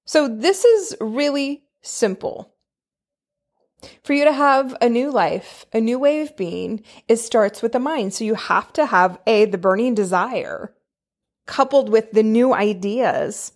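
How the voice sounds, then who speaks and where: A woman's voice: a little high, a little slow. A woman hosting a spiritual self-help podcast, talking to listeners in a chatty, emphatic way. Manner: chatty, emphatic, addresses listeners with pet names. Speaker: podcast host. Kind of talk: spiritual self-help podcast talk with read-out book passages.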